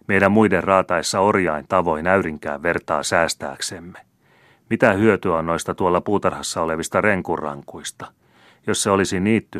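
Brief: male reader doing a greedy old miser merchant, contemptuous, raised and louder than his own low voice, dry close sound. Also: no echo, lightly acted. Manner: contemptuous, grasping, rising to loud scolding. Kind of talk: audiobook character reading.

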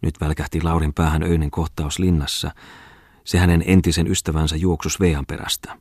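A man reading a novel aloud in steady, measured narration. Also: rumbling low, no room sound, clean studio sound. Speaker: audiobook reader. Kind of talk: audiobook narration.

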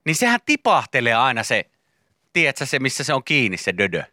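A man from northern Finland co-hosting a casual morning radio chat, animated and jokey. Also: mid-range voice, no echo, studio quality. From Kemi, Finland. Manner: animated, jokey, drawn-out emphasis. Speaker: radio show co-host.

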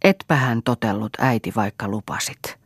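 A woman's voice: a bass voice, slightly rough, no room sound, studio quality, full character voice. Woman reading a weary, fed-up son. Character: weary, exasperated grown son, a husband.

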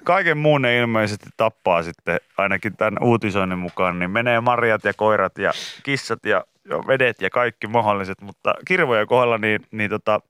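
A man's voice: lowish voice, hardly any pauses, sharp tone, clean tone, dry recording, clean studio sound. Kirkas, sointuva ja hieman matala miesääni aamuradion juontajana, joka laskee leikkiä ja lukee väliin uutispätkiä. Ääni on äänitetty kuivasti studiomikrofoniin, ilman kaikua. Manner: jokey, reads out news snippets between asides. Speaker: radio morning show host. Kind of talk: casual on-air banter. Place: radio studio. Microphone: studio microphone.

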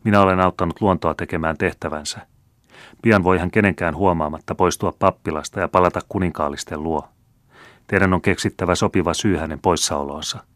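A man's voice: low voice, steady tone, a bit bright, no room sound, clean studio sound. A man reading the lines of a wise, dutiful young woman in an audiobook, in a grave, pleading way.

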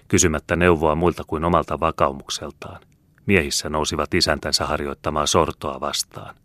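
Very deep-voiced male audiobook narrator. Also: fairly bright tone, no echo. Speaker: audiobook reader. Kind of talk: scripted narration.

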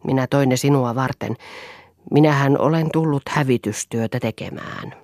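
A woman's voice: a bass voice, a little mellow, no room sound, clean studio sound. A woman reading a brooding, world-weary writer. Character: brooding, bitter male writer confessing.

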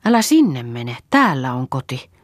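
A woman's voice: a bass voice, big pitch swings, dry recording, clean studio sound, exaggerated voice. A woman reading an audiobook, voicing a frightened young woman who pleads with her sister in a trembling voice. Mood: pleading.

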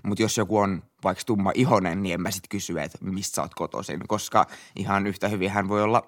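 Low-voiced young man, frank and slangy. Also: steady tone. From Finland. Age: young adult. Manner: frank, slangy, with frequent "niinku" fillers and swearing. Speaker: podcast co-host. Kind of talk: casual chat.

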